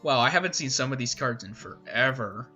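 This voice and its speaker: A woman's voice: very deep voice, animated, fairly quick, pushed and bright, slightly rough, dull audio. A woman doing casual game commentary, playfully thinking aloud as she plays. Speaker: gaming host. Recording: faint game music behind.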